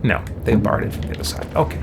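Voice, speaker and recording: Talking quickly over a noisy background and game music, this man offers loose commentary while streaming a game. He rambles and thinks out loud as he plays.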